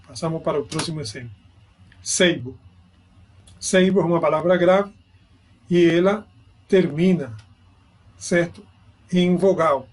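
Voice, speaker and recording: A man's voice: a little high, darkish tone, husky. A man giving an online grammar lesson, explaining step by step and checking in with his students. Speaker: Spanish teacher.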